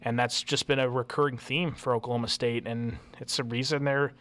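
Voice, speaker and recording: A man's voice: mid-range voice, level tone, fairly quick, fairly bright tone. A young man co-hosting a casual sports talk show, joking and often restarting his sentences. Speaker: co-host.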